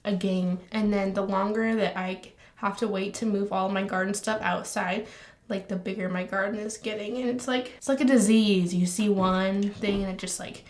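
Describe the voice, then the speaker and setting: A young woman talking casually through a makeup tutorial at home, chatty and rambling, now and then dropping to a soft whisper. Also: mid-range voice, steady tone, moderate pace. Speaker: beauty vlogger. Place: home room. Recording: echoey room.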